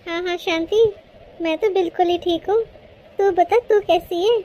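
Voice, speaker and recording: Domineering, greedy middle-aged mother-in-law in a cartoon, very high voice, shrill scolding tone; voice actor. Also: steady tone, normal speed, mellow. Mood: gloating.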